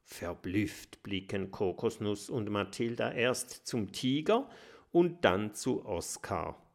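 A man narrating a children's story with expressive, unhurried storytelling. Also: lowish voice, gravelly. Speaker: audiobook narrator.

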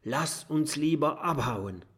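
A man voicing a young female porcupine in a children's audiobook, fearful and sharp-tongued. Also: fairly high pitch, lively intonation, takes it slowly, pitched above the performer's own voice. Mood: alarmed.

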